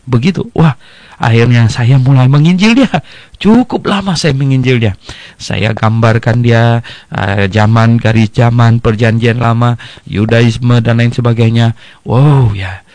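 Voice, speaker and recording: Older male pastor from Indonesia, gravelly voice, dry close sound, anecdotal teaching style. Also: mid-range voice, unhurried, darkish tone, dry recording. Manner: storytelling, frequent "ya" and "eh" fillers.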